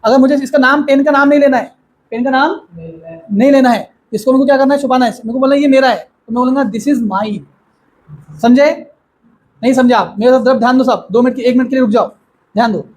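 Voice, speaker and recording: In a poorly recorded grammar lesson, a man with a very high voice explains things slowly to a classroom of students, asking them questions again and again.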